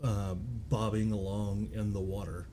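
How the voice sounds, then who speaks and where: Slow, mellow-voiced male game master. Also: on the low side, little pitch movement, a little hiss or hum. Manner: slow, hesitant, many fillers. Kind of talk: narrating a tabletop game.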